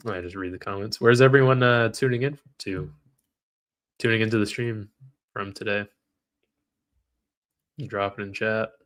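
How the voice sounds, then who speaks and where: Guy on a trading livestream, lowish bright voice, grumbles at the chart and reads chat. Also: steady tone, measured pace, pauses often. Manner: frustrated, talks to chat while reading comments. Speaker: livestream trader. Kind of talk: live trading stream chat.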